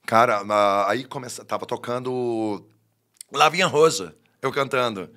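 A man's voice: mid-range voice, a little slow. A man, a guest on a podcast, telling stories in casual chat and acting out the people he quotes. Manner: animated storyteller who acts out the people he quotes. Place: podcast studio.

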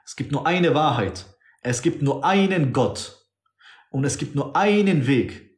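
Intense guy preaching, kinda high voice, keeps citing bible verses, echoey room. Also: expressive, unhurried. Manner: fervent, insistent, quotes scripture verses by number; raises his voice to act out quoted speech. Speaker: street-style preacher. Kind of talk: preaching on a social media livestream. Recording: roomy echo.

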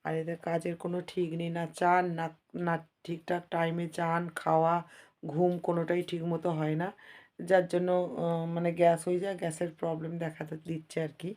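Hoarse lady talking to her viewers while she cooks at home, low and kinda flat. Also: fairly quick. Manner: chatty, addresses viewers as friends. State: hoarse from a cold. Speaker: vlogger. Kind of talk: casual home vlog chat. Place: home kitchen.

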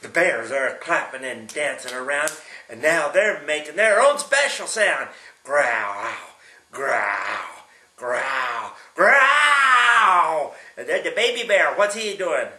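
A man's voice: on the high side, echoey room. An older man, a great-grandfather, reading a picture book aloud to a small child and making the animal sounds. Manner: slow, lively storybook reading with animal sounds.

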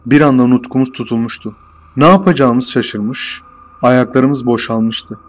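In a measured, unwavering narrator's tone, a man with a middle-pitched voice describes a frightening experience of his own.

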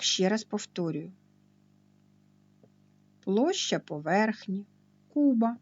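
Woman math teacher, patient and methodical, lively intonation, dull lo-fi sound. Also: medium pitch. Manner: slow, patient, step-by-step explaining. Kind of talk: video math lesson.

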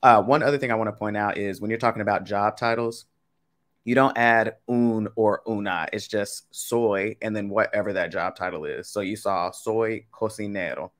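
The speaker is a young man running a live-streamed Spanish game lesson from a home webcam, addressing viewers directly. His lowish, slightly bright voice has fairly even intonation at normal speed, and his manner is casual and chatty as he talks to chat with y'all.

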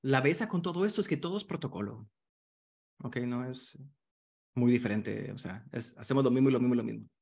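A man's voice: medium pitch, a little fast, creaky, a little mellow, slightly rough. A man teaching a hypnotherapy masterclass online, in a conversational way that keeps checking in with the class. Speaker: hypnotherapy instructor.

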